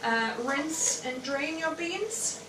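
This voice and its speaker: Hosting a casual, slow-paced cooking demo in her indoor home kitchen, a woman in her thirties walks through each step in a high voice with lively intonation. She wears a lapel mic but sounds slightly distant, with noticeable room echo and faint noise.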